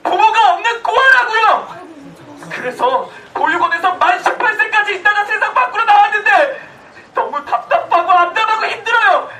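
A man's voice: very high-pitched, expressive, moderate pace, sharp tone, roomy sound, recorded from a distance, a little hiss or hum, full character voice, low-quality recording. A young actor playing a stubborn nineteen-year-old orphan student, pleading earnestly and raising his voice. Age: young adult.

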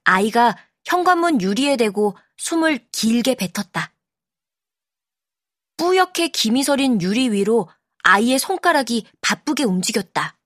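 A woman narrating an audiobook in a calm, measured storytelling manner, close to the mic. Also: fairly high pitch, dry recording. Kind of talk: scripted narration.

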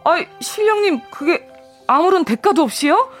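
A woman's voice: very high voice, animated, moderate pace, soft background music. Woman playing an honest, stammering male woodcutter. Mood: polite. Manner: polite, stammering, old-fashioned formal speech. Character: honest, timid young male woodcutter, later boastful.

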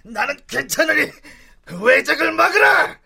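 An actor playing a fierce, dutiful militia commander in a historical radio drama, barking forcefully like a military man. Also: extremely high pitch, lively intonation, measured pace, vocal fry, exaggerated voice. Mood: defiant.

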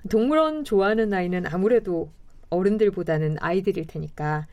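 A woman's voice: mid-range voice, a little fast, a little mellow. A woman hosting a radio show, asking questions and linking segments in a conversational style. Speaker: radio host.

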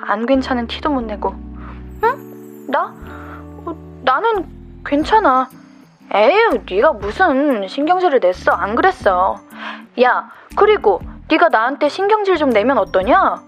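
A patient young woman friend who listens and reassures, her voice pitched a little high and soft, as a radio host acts her out. She speaks gently in a scripted radio skit, with faint music underneath. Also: big pitch swings, a little slow. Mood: gentle consoling.

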